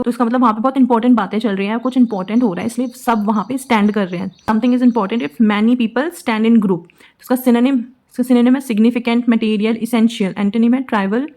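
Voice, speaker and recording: Brief: Indian woman vocabulary teacher, fairly high voice, playful and chatty, tells memory tricks as stories. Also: a little mellow. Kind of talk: casual explaining lesson.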